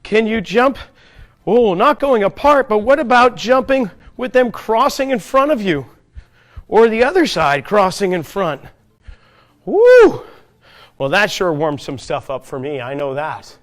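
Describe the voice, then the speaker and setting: A man's voice: high voice, animated, moderate pace, fairly bright tone. A man leading a children's P.E. class, encouraging the kids and asking them playful questions while he demonstrates each move. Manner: demonstrates while moving, narrating his own steps. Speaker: fitness trainer leading a kids' P.E. class. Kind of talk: guided children's exercise class.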